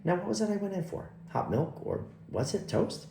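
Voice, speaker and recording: A prim older housekeeper, placid and opinionated, rambling on with great dignity, as a man reads her in an audiobook. The voice is gravelly and mellow, with a lively rise and fall. It sounds like an echoey room. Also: high-pitched, normal speed, slight background noise, voice pushed up, full character voice. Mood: gossiping.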